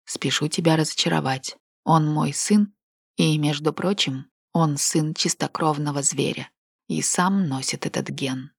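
A woman reading the lines of a cold, domineering, manipulative man in a flat, measured, unhurried way. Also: low-pitched, creaky, slightly rough, no room sound, studio quality, heavily acted. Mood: cold, level.

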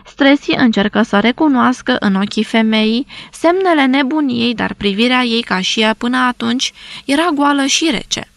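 A woman narrating a literary novel aloud in a calm, measured reading. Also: fairly high pitch, gravelly, no room sound. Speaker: audiobook narrator.

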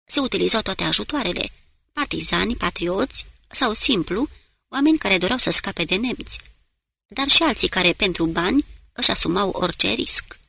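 A woman narrating an audiobook in a steady, measured reading voice. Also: mid-range voice, gravelly, slightly rough, dry recording. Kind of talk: scripted narration.

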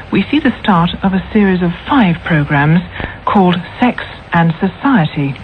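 A woman's voice: lowish voice, slight background noise. Tinny radio broadcast of a British woman announcer. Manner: formal, measured radio presentation.

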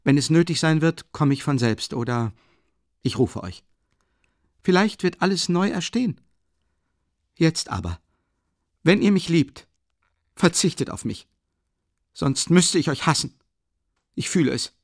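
Brooding pale young man, read by a male narrator, lively pitch, dry close sound. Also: unhurried, long pauses, dry recording. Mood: anguished.

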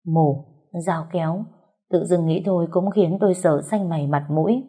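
A woman's voice: on the low side, fairly even intonation, normal speed, warm tone, husky. A woman narrating a first-person story in an earnest, emotional way. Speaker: audiobook narrator.

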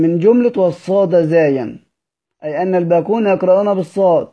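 A man's voice: high voice, warm tone, dull audio. Egyptian man teaching, repeating and questioning. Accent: Egyptian Arabic. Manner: repeats phrases, asks students questions. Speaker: Quran recitation teacher. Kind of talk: lecture explaining recitation verse.

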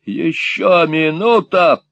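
A man voicing a spiteful, gloating old miser in a storybook reading, with a shrill, sneering, cackling voice. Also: lively intonation, slow, vocal fry, a bit bright, no room sound, heavily acted.

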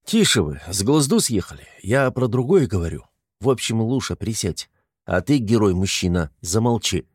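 A man's voice: lowish voice, sing-song, moderate pace, breathy edge, no room sound, clean studio sound. A man voicing a good-humored young lord in an audiobook, teasing and easygoing. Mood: commanding. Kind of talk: audiobook character voice.

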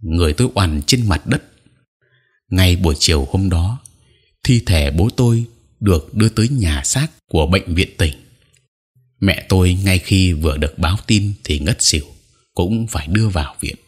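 A man narrating a sad audio story in a slow, sorrowful reading style. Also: sits low, animated, slightly rough.

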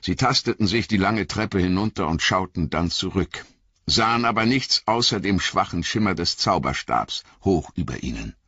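A man narrating an audiobook in an expressive, dramatic storytelling manner. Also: low voice, normal speed, husky, dry recording. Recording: slightly dull lo-fi audio.

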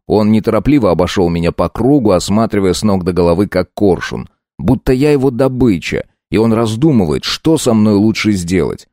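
A man narrating an audiobook in a steady, measured way. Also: fairly low pitch, no echo, clean studio sound. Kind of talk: scripted narration.

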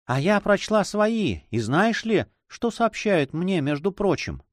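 A man reading a story aloud, voicing a frightened young noblewoman who pleads softly and emotionally with her brother. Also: high voice, big pitch swings, takes it slowly, no room sound, clean studio sound, voice pushed up, heavily acted. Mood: worried. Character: anxious young noblewoman, the hero's sister.

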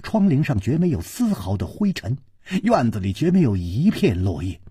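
A man performing traditional Chinese storytelling with a dramatic, lively delivery. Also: medium pitch, moderate pace, husky, no echo, studio quality.

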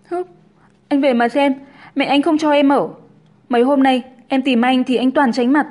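A woman doing a shrill, scheming pregnant young woman. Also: fairly even intonation, normal speed, darkish tone. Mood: whiny. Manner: shrill, accusing, theatrically wailing.

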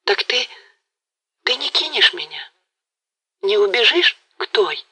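A tearful young girl , as a woman reader puts her on, pleads with her beloved in a broken, breathless voice, slow and drawn out. The tone is husky with a gravelly edge. It is a character voice in a read audiobook. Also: mid-range voice, very animated, pushed and bright, voice pushed up, exaggerated voice, low-quality recording. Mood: pleading.

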